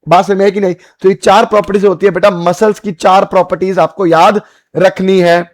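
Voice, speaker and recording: A man's voice: sits high, level tone, a little fast. A man with an Indian accent teaching biology as an exam-prep lecture, repeating points and checking often whether students understood. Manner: repetitive, asks students if they understood; calls students "beta" and "bhai".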